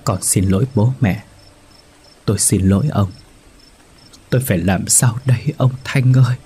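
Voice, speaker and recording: A man's voice: fairly low pitch, animated, a little slow, dark tone, slightly rough. A man voicing a grieving elderly mother who wails and sobs as she pleads. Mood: wailing. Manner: wailing, sobbing pleas.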